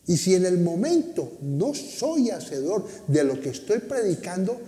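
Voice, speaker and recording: A man's voice: sits high, very animated, unhurried, warm tone, slight background noise. A man preaching a sermon as pastor, emphatic and often asking the congregation questions. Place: church hall. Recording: echoey hall.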